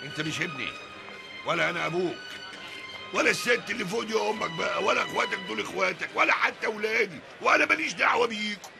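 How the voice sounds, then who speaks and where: A man playing a stern, harsh father with an Egyptian accent, scolding loudly and in mock-dramatic fashion. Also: high-pitched, animated, fast talker, vocal fry, over music, heavily acted. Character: stern harsh father shaming his son.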